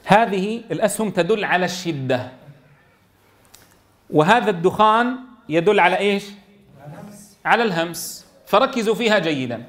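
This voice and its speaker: A man teaching Quran recitation to a class, quizzing students and sounding out letters slowly. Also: sits high, lively intonation, fairly bright tone. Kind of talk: classroom tajweed lesson.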